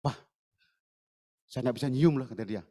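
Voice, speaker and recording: A man's voice: medium pitch, normal speed, husky. A middle-aged man, a pastor, preaching at a church service and telling a personal story with acted-out dialogue. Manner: lively storyteller, acts out dialogue in raised voices. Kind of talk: sermon with storytelling.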